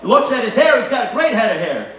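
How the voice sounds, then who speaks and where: A man's voice: very high-pitched, very animated, brisk, a bit bright. A man hosting a boxing press conference, introducing fighters with a showy ring-announcer delivery. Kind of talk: boxing promotional introduction to an audience. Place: large echoey press conference room. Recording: echoey hall, distant mic, faint noise.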